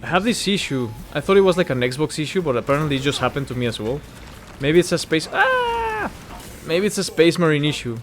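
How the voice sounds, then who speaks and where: A man's voice: on the high side, fast, hardly any pauses. A man giving casual, rambling game commentary while he plays, easily sidetracked by the action. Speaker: gaming video host. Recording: clear background game noise.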